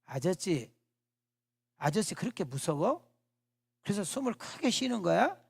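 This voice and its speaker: A man voicing a chatty, innocent nine-year-old girl in a sermon story, talking slowly in a coaxing, sing-song way. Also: high-pitched, sing-song, gravelly, husky, pitched above the performer's own voice, exaggerated voice. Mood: earnest. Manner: coaxing, slow, sing-song childish talk.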